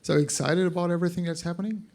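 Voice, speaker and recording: This Portuguese-accented man races through his informal expo presentation in a high, steady voice that is slightly mellow and touched with vocal fry. He talks straight to the audience in front of him, keeping it conversational.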